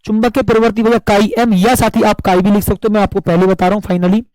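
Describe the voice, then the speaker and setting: A man's voice: high voice, flat delivery, a little mellow, dry recording, poor audio. Man teaching with a sore throat. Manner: slow, repetitive question-and-answer drilling; asks viewers to comment answers. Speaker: physics teacher. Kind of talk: live online class.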